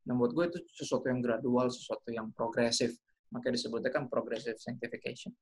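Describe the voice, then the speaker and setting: A man's voice: mid-range voice, fast, breathy edge. A man in casual faith talk, telling stories in colloquial slang and acting out what people said. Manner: animated storyteller, acts out quotes.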